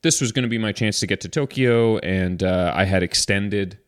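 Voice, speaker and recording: A slightly congested podcast host with a lowish voice chats at a moderate pace in clean studio sound with no echo. He's relaxed and rambling, restarting his sentences often.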